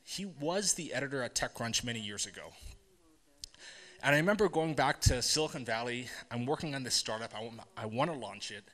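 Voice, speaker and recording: A man giving a live conference talk, earnest and halting, with many fillers and restarts. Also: medium pitch, animated, fairly bright tone. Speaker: conference speaker. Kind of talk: live presentation to an audience. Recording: hall reverb.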